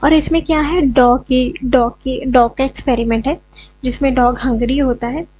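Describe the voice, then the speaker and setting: A woman's voice: high-pitched, fairly even intonation, normal speed, darkish tone, no echo, poor audio. A woman teaching an education lesson, explaining step by step and often checking in with "okay". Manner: mixes English terms, repeats "ठीक है" often.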